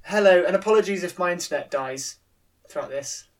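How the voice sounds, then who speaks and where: A man co-hosting a film podcast over an internet call, speaking haltingly with many fillers. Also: high-pitched. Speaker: podcast co-host. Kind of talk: casual podcast chat. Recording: distant from the mic on an internet call.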